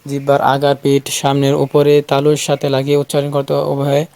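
A man teaching Quran recitation who explains where the tongue touches the teeth and repeats each syllable slowly and patiently for the viewer to copy. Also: medium pitch, completely flat delivery, a little mellow, clear, resonant tone. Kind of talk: slow drilled pronunciation lesson.

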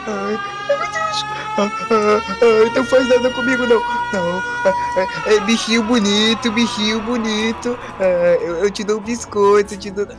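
Very high-pitched frantic Brazilian gamer. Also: male voice, steady tone, normal speed, few pauses. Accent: Brazilian Portuguese. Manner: frantic, whiny, keeps repeating himself. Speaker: gaming guest. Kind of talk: panicked gameplay role-play. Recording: background music under voice.

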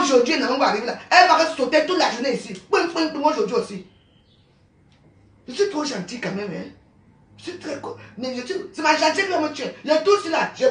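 High-voiced woman ranting in an echoey room. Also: fairly bright tone. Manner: emphatic, repetitive, peppered with tag questions. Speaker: widow ranting about her neighbors. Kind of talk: emotional monologue. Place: at home in an apartment building.

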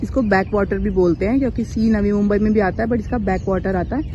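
A woman's voice: mid-range voice, fast talker, dull audio. A middle-aged woman chatting upbeat to viewers in a casual travel vlog, filmed outdoors on a phone held at arm's length. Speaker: vlogger. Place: outdoors on a highway and in a garden restaurant. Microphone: handheld phone at arm's length. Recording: loud wind and traffic noise. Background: traffic and wind.

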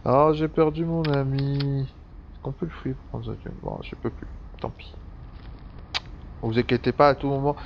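A man's voice: medium pitch, steady tone, moderate pace, a little hiss or hum. Chatty swearing French let's-play man. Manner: chatty, swears a lot, thinks aloud. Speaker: gameplay commentator. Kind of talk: casual let's-play commentary. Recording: dull lo-fi sound with faint background ambience.

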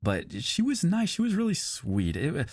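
A man's voice: fairly high pitch, huge pitch swings, measured pace, no echo. A man streamer telling a long personal story in a rambling, casual way, often repeating himself and swearing.

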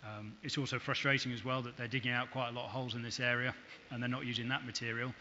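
A man's voice: mid-range voice, flat delivery, fast, pushed and bright. A man, a council officer, giving a formal explanation in answer to questions. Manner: hesitant in places. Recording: dull meeting audio with faint hiss.

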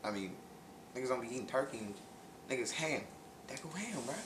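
A man's voice: medium pitch, animated, quick pace, fairly bright tone, reverberant, slight background noise. A man joking around in a rambling comic skit, brash and profane, repeating catchphrases. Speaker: comic co-host.

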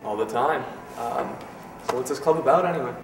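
A man's voice: mid-range voice, a little fast, close to an everyday voice. A man playing an awkward young superfan. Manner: awkward, hesitant. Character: shy young male superfan student. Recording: echoey room, mic far off. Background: background music.

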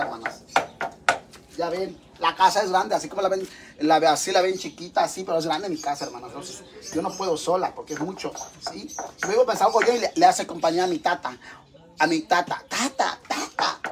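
A man's voice: high voice, background noise. A man with a Mexican accent chatting to viewers from his home kitchen while he cooks, campy, teasing and crude. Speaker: live streamer. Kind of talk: live stream chat while cooking.

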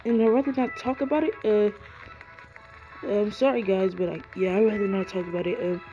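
A high, steady-toned male voice comes at a fairly quick pace from a gaming YouTuber. He rambles earnestly over his gameplay from a freezing garage, shivering, with plenty of ums and likes. The audio is dull and lo-fi, and loud music plays.

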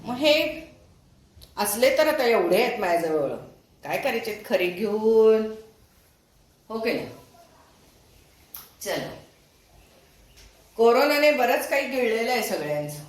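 A woman's voice: fairly high pitch, very animated, takes it slowly, long pauses. A middle-aged woman chatting casually to her viewers while she cooks at home, talking to them directly. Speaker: home cooking vlogger. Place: home kitchen. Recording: roomy echoing home room.

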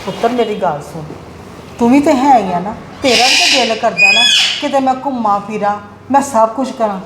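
Actress as a strict mother, lecturing and exasperated, fairly high voice, echoey room, faint hiss. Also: close to an everyday voice. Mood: pleading. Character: strict frugal mother of two sons. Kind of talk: family drama acting.

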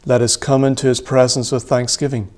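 A man in his thirties leading worship as a priest, reading prayers in a measured, solemn way in a small church room. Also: mid-range voice, flat delivery, a little mellow. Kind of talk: liturgical reading.

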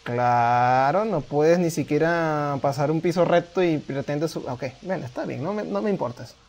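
A man's voice: fairly high pitch, moderate pace, creaky. A man playing a video game at home, chatting to the characters and yelping and swearing when things get tense. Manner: excitable, yelps and swears when under pressure; chats to the game characters and reads their lines aloud. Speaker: gaming channel host. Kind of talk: casual let's play commentary.

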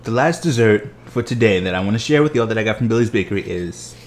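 Excited man tasting desserts on camera. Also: on the low side, quick pace, a little hiss or hum. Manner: exuberant, chatty, savoring each bite. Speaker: food vlogger. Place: living room at home.

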